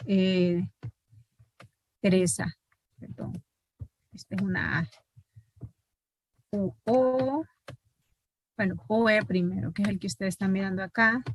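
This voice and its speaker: A woman's voice: medium pitch, slow pace, long pauses. A woman teaching an online linguistics class. She explains step by step and often checks with her students by asking "¿verdad?".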